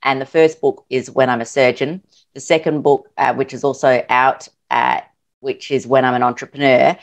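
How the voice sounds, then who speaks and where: A woman's voice: very deep voice, steady tone, normal speed. A woman with an Australian accent, an interview guest who answers in an earnest, thoughtful way with some hesitations. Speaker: surgeon and author, guest.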